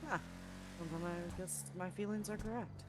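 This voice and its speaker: A woman's voice: on the low side, creaky. A woman playing a goofy, playful grown daughter in a casual role-play chat. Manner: playful, giggly, unhurried. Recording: noisy background.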